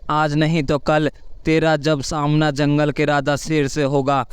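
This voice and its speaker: A man doing a crisp defiant little sparrow. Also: on the high side, little pitch movement, a little slow, no room sound, natural voice. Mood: warning. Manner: scolding, warning. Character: small defiant male sparrow, stern.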